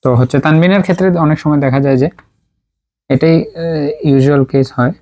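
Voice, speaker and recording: A man teaching Quran recitation rules. He writes examples on a board as he explains, speaks haltingly with frequent pauses and fillers, and drills each term through slow repetition. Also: fairly high pitch, darkish tone. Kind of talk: explanatory lesson at a writing board.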